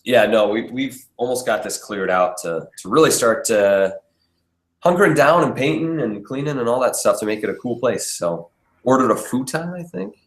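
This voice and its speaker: Male podcast host, casual and rambling with frequent chuckles, lively up-and-down delivery, roomy echo from an empty basement. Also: medium pitch, normal speed. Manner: relaxed, rambling, chuckles often. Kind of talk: casual chat. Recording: echoey empty basement room.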